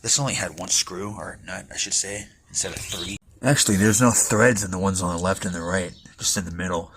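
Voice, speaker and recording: A man's voice: sits low, a little fast, fairly bright tone, slight background noise. A man in his twenties casually rambling with mumbled asides and offhand swearing while he works outside in a backyard. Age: 20s. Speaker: vlogger. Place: outdoors in a backyard under a roof.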